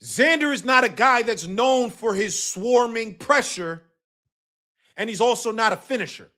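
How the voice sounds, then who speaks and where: With an extremely high pitch, this man talks expressively at a measured pace while hosting a live boxing talk stream. He speaks casually and emphatically, repeating points, swearing, and breaking into shouts.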